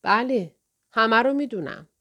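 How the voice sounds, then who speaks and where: A woman voicing a quiet, forgetful man who speaks softly and haltingly in an audiobook reading. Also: on the high side, animated, full character voice. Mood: hesitant. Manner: soft-spoken, halting. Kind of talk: audiobook character voice.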